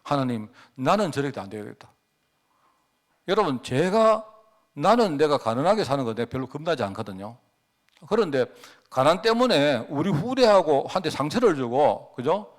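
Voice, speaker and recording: Animated male pastor preaching. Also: fairly high pitch, normal speed. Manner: rhetorical questions to the congregation; personal storytelling with emphatic swells and drops. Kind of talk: sermon.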